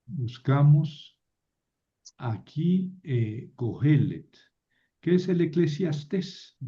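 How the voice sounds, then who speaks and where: A man teaching a language lesson, reading Hebrew aloud slowly and checking in with his students. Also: fairly high pitch, lively intonation, warm tone. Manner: reads Hebrew aloud slowly, with many fillers and rhetorical checks. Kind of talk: lecture. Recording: dull lo-fi recording.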